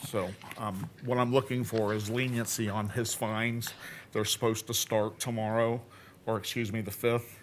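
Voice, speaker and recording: A man's voice: on the low side, flat delivery, moderate pace, slight background noise. A man making an informal plea as a member of the public at a formal hearing. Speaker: public speaker petitioning the board.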